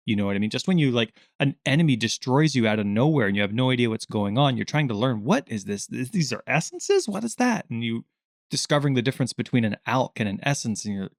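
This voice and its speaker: Man, lowish voice, animated casual podcast chat, dry close mic. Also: no room sound. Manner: animated, acts out quoted questions in a raised voice. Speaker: podcast co-host.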